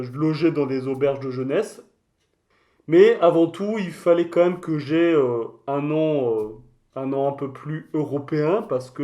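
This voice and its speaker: A man's voice: fairly high pitch, mellow, lightly acted. A man voicing a touchy, boastful mascot creature in a comic mock interview, rambling in crude slang. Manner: slangy, crude, hesitant rambling storytelling with outbursts.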